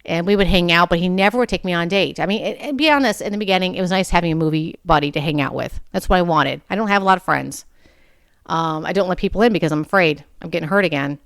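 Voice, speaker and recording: A woman's voice: lowish voice, fast, a bit bright, no room sound, studio quality. A woman in her forties hosting a personal podcast, talking in a candid, blunt way and swearing freely. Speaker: podcast host.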